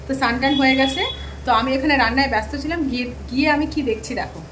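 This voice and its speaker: Woman home vlogger, brisk and talkative, slightly high voice, a touch hoarse, light room noise. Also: fairly bright tone. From Bengal. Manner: chatty, addresses viewers directly, scolds her daughter. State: throat slightly hoarse lately. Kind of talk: casual home vlog chat. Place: home kitchen and bedroom.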